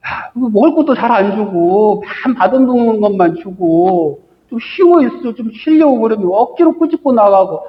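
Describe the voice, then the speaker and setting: A tired male pet dog grumbles about hard living, as a man puts him on in a raised, high voice. The lines sound griping and worn out. The sound is dull and rings with long church-hall reverb. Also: animated, moderate pace, few pauses. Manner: complaining, weary griping.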